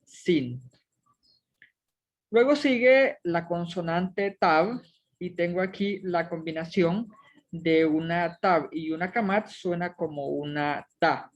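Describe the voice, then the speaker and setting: Woman teacher, unhurried and careful, sounds out syllables one by one, slightly dull lo-fi audio. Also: on the low side. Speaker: Hebrew teacher. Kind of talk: slow step-by-step lesson on letters and syllables.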